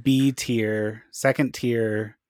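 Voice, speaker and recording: A man's voice: medium pitch, fairly even intonation, extremely slow, darkish tone, no room sound, clean studio sound. A man hosting a casual podcast chat, playful and jokey as he steers the topics. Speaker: podcast host.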